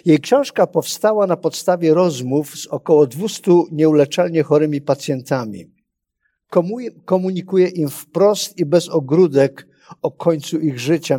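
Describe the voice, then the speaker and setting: A male preacher giving a sermon, reading scripture in a slow, measured way with pauses. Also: fairly high pitch, mellow.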